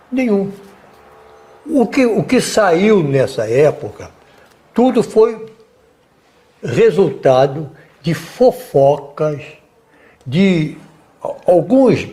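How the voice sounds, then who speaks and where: An older man with a Brazilian Portuguese accent who speaks as a retired general in a televised interview. His voice sits high for a man and leaps all over its range as he argues. He hammers points home by repeating words. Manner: emphatic, animated, repeats words for stress, acts out quotes. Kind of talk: TV interview, storytelling.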